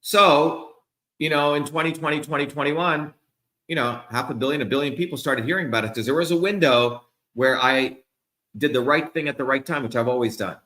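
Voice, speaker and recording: Heated, emphatic and full of profanity, this political candidate addresses supporters in a livestream rant. He's middle-aged, with a fairly high, bright, forceful voice, speaking a little fast in an echoey room.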